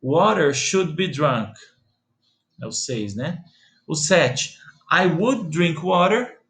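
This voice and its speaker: This fairly high, slightly bright male voice is animated and stretches out his words. He's Brazilian, with a Brazilian Portuguese accent, and he patiently teaches English grammar to Portuguese speakers at a slow pace, repeating points and frequently checking that the listener follows.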